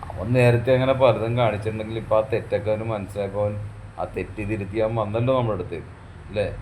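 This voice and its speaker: A man playing a husband in a domestic skit, coaxing and gently scolding his wife in an affectionate way. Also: on the low side, steady tone, fast, a little hiss or hum.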